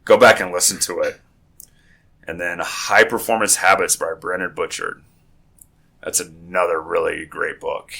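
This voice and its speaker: A man's voice: low-pitched, steady tone, a little slow, gravelly, pushed and bright. A man with a groggy morning voice hosting a casual podcast chat, rambling and often restarting his sentences. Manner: rambling, with frequent restarts and self-corrections. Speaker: podcast host.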